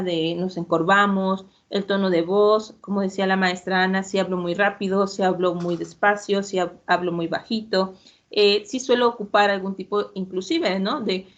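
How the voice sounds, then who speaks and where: Woman moderating a debate online, measured and explainy, lots of fillers, muffled lo-fi call sound. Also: medium pitch.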